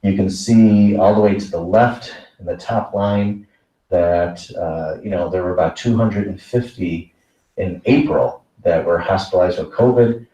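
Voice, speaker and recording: A man, a school superintendent presenting a report at a board meeting, measured and full of fillers. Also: deep voice, mellow. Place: meeting room. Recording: echoey room, voice from a distance.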